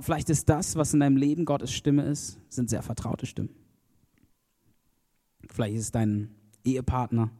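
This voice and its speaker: Male preacher, mellow and relaxed, conversational sermon, hall reverb. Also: mid-range voice. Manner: relaxed and conversational, with fillers and asides. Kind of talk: casual sermon with Bible reading.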